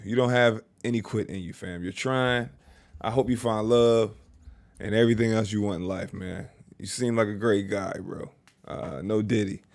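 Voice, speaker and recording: A man's voice: lowish voice, darkish tone. A man hosting a reaction video, chatting casually in slang and hyping up the person on screen. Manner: chatty, slangy, hypes the viewer.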